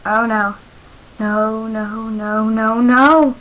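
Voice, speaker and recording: A bubbly teenage schoolgirl, as a woman reads her out, blurting her lines loud and high with excitement. Her voice stays fairly level in tone, with little melodic swing. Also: unhurried, a little hiss or hum, close to an everyday voice, rough recording. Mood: panicked.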